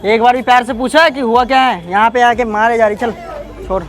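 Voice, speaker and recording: A man's voice: very high voice, steady tone, a little fast, a bit bright, soft background music, a faint crowd. A prank vlogger man talking brusquely and sulkily while pretending to be angry, in a casual argument. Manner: sulky, brusque, feigning anger.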